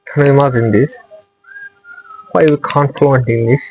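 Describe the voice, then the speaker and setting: A young Bangladeshi man, a native Bengali speaker, hosts an English-learning channel and delivers an earnest motivational talk to his viewers in Bangladeshi-accented English, with repetitive non-native phrasing. His voice is medium-pitched, slightly mellow and a little rough, at a normal speed. The recording quality is rough.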